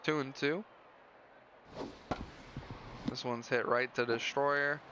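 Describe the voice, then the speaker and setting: A man with a mid-range voice calls a baseball game live, taking it slowly in a steady tone with clipped calls and casual asides. The audio is dull and lo-fi, with loud background noise.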